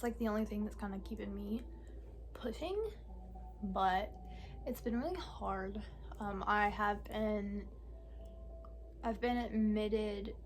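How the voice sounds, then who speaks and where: A young woman of eighteen speaks candidly straight to her viewers. She talks slowly and haltingly, with frequent fillers and pauses in a soft, mid-pitched voice. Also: slight background noise. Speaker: vlogger. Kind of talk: casual personal vlog talk.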